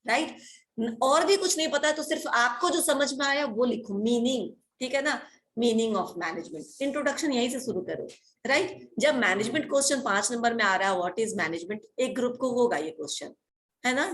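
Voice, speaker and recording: A woman's voice: on the high side, a bit bright. A woman college teacher giving an online class lecture, explaining firmly and checking in with her students again and again.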